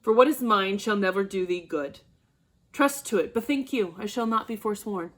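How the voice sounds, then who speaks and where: Brief: woman as a furious old nobleman father, bossy and loud, shouting bursts, classroom play reading. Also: mid-range voice, moderate pace, natural voice.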